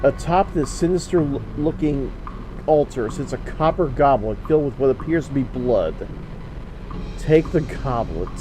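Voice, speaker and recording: A man's voice: medium pitch, animated, normal speed, noisy background. Man reading out a video game. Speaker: gamer playing and narrating a video game. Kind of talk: let's play commentary, reading game text aloud. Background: game music with guitar.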